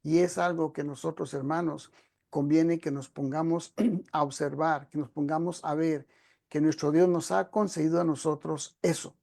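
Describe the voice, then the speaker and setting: A man's voice: on the high side, fairly even intonation, moderate pace, gravelly, dark tone. A male preacher giving a teaching sermon, explaining a passage step by step and often addressing the congregation directly. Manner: explanatory, addresses listeners as brothers and sisters.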